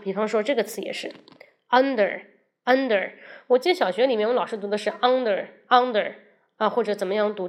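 A woman from China with a fairly high voice runs a relaxed livestream pronunciation lesson. She switches between Chinese and English and drags out words slowly so viewers can hear each sound. She talks straight to her audience and asks them for questions. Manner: addresses viewers directly and invites questions. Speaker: English teacher hosting a livestream.

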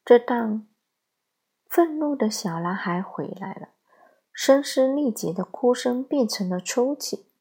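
A woman giving calm, measured scripted narration of a parenting essay. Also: on the high side, slightly rough. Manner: slow, measured, calm storytelling.

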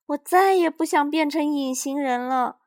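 A woman voicing a small, lonely invisible boy in a storybook reading, calling out high and loud. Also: expressive, unhurried, no echo, studio quality. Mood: tearful complaining.

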